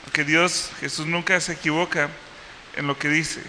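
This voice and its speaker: Bright-voiced pastor preaching in a hall. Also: male voice, a little high, level tone, normal speed, a little hiss or hum. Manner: teaching verse by verse with frequent fillers and restarts. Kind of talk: sermon. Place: church hall.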